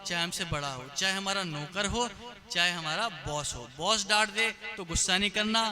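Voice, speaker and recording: A man giving a storytelling sermon as a pandit, acting out characters with sudden rises in pitch and loudness, recorded live in a temple hall.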